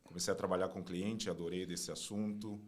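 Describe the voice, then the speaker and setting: A man in his forties from Taiwan, speaking in a very low voice. He is a podcast guest telling stories about his career in a relaxed conversational way, often tagging sentences with "né?". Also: brisk. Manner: storytelling, tagging "né?". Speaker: guest, consulting partner.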